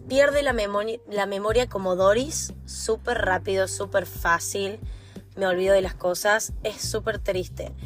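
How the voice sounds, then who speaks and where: A woman in her twenties with a Rioplatense Spanish accent, hosting her own podcast and talking in a chatty, confiding way straight to the listener. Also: fairly high pitch. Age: 20s. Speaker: podcast host. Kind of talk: personal podcast monologue.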